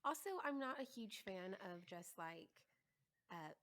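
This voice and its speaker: A woman's voice: medium pitch, expressive, measured pace, sharp tone. A woman hosting a podcast interview who talks in an eager, chatty way and often affirms what her guest says. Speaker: podcast host. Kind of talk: conversational interview.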